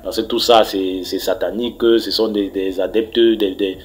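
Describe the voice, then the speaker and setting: A man's voice: fairly low pitch, steady tone, moderate pace, a little mellow, slight background noise, rough recording. A man from Cameroon sending a recorded message, preachy in tone, stumbling and repeating words as he urges listeners to pray. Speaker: story contributor. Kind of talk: recorded voice message telling a mystical story.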